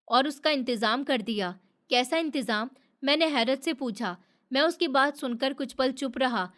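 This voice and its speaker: A woman narrating a dramatic moral story in steady, scripted first person. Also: sits high.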